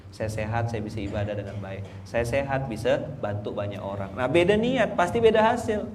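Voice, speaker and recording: A middle-aged man preaching a dawn sermon, joking and swinging between loud and hushed. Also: mid-range voice, slight background noise. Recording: distant mic with faint ambience.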